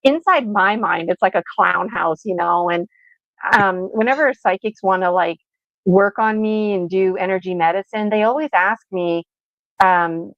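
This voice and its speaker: A woman's voice: medium pitch, unhurried, a bit bright, no echo. A woman hosts a podcast over a video call and chats loosely, rambling and laughing at herself. Her audio is a little muffled and lo-fi, with a dry, close sound. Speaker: podcast host. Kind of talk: casual chat on a live video podcast.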